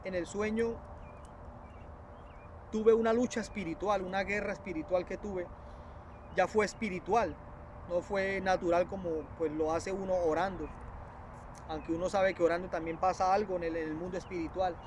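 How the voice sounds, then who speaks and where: A preacher telling a religious testimony in a halting, repetitive way, often addressing his listeners as brothers. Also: high voice, steady tone, background noise. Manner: earnest, repetitive, halting storytelling with many restarts.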